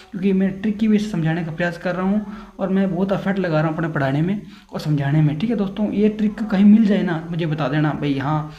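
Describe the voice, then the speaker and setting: An unwell man teaching an exam-prep lesson in a casual way, repeating himself, apologizing often and building memory tricks. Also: sits high. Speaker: online exam tutor. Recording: echoey, dull lo-fi room recording.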